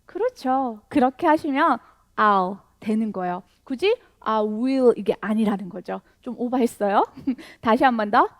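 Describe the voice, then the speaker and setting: Woman english teacher, slow and bouncy, keeps asking viewers questions, dry close sound. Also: on the high side, no echo. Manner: lively, encouraging, asks questions and laughs often. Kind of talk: video language lesson.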